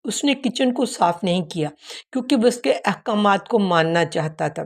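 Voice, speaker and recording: Woman audiobook narrator, steady storyteller, plain unhurried delivery. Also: mid-range voice. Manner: steady storytelling, occasional self-corrections.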